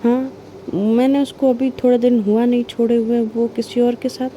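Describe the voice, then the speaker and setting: A woman's voice: a little high, little pitch movement, moderate pace, dark tone, slight background noise. A woman retelling a serial love story in a chatty way, acting out the characters' lines as she goes. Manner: chatty, retells scenes with quoted dialogue, sings snatches of film songs. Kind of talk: casual spoken storytelling.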